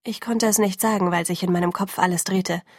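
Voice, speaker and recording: A woman reading first-person scripted narration of an audiobook in a calm, measured way. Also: fairly low pitch, no room sound, studio quality.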